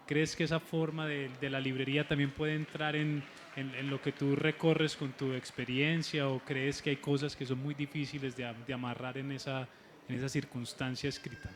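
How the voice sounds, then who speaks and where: A male interviewer puts long, careful questions to a writer, pausing and restarting as he goes. His pitch barely moves, giving a flat, even delivery over faint background ambience. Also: a little hiss or hum. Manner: measured, hesitant questions with restarts.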